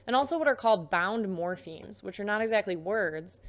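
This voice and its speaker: A woman's voice: medium pitch, lively intonation, moderate pace. A young woman giving a recorded lecture, explaining terms patiently with frequent filler words.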